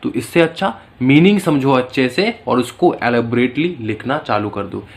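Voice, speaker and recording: A man gives an informal exam-prep lesson, mixing stories into his explanations. He talks in a relaxed, chatty way that sounds close to his students. His voice sits at an average height. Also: mid-range voice, normal speed. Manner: chatty, storytelling, calls students "beta". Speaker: teacher. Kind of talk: casual Hindi-English exam lecture.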